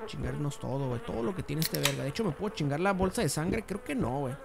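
A young man with a Mexican accent giving crude, slang-heavy commentary while playing a game, breaking into sudden shouts. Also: on the high side, expressive, fast talker, creaky, background noise. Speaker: gamer. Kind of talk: profane gameplay commentary.

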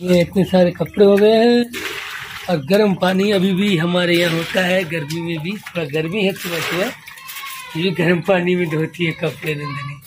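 There's background noise as this family vlogger talks chattily to his viewers at home, recording on a handheld phone and calling them friends. He speaks at normal speed in a high-pitched, steady voice.

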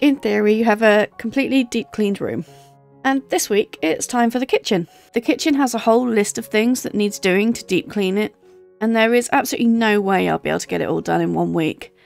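A woman vlogger narrating her kitchen cleaning in a gentle, chatty, explanatory voice-over. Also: a little high, vocal fry. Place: home kitchen.

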